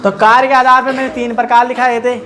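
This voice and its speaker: A man's voice: extremely high pitch, little pitch movement, quick pace, music in the background, low-quality recording. Male teacher quizzing his class. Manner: repeats key terms and quizzes listeners. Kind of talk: classroom lecture. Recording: crowd noise behind.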